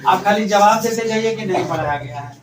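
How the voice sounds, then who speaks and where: High-voiced teacher quizzing his class. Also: brisk, distant mic. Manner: teasing, challenging, quizzing students. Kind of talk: oral exam questioning in class. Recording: roomy classroom from afar, faint noise.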